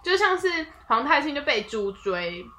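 A woman's voice: high voice, sing-song, moderate pace, bright, forceful tone, a little hiss or hum. A young woman in casual chat, rambling through drama scenes with lots of fillers. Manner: rambling, chains clauses with fillers. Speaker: co-host.

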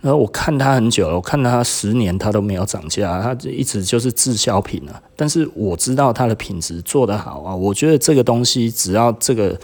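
A man's voice: lowish voice, a little fast, hardly any pauses, breathy edge. A middle-aged man with a Taiwanese Mandarin accent, chatting casually as a podcast host and shop owner, laughing often. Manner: chatty, laughs often, quotes others in lively bursts.

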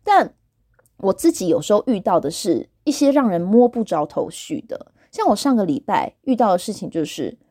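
A woman tells casual stories as a podcast host, and her pitch swings widely as she acts out the people she quotes. The recording is dry and close, with no room echo. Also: moderate pace, husky. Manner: animated, acts out quoted voices. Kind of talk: casual storytelling.

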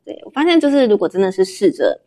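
A woman's voice: mid-range voice, sing-song, fast, dark tone. A young adult woman with a Taiwanese Mandarin accent, chatting candidly as a guest in a casual interview. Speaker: interview guest, livestream shopping host.

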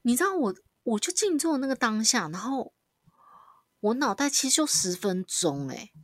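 A woman's voice: a little high, very animated, moderate pace, no echo, studio quality. A woman casually telling a personal story on a podcast. She swears now and then and acts out her own lines as quoted dialogue. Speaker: podcast co-host.

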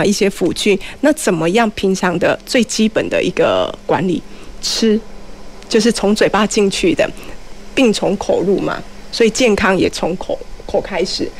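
A middle-aged woman with a Taiwanese Mandarin accent, explaining things casually and chattily, slipping into Hokkien and asking rhetorical questions. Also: medium pitch. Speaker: community college teacher, guest speaker. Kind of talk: casual explanatory talk on a show.

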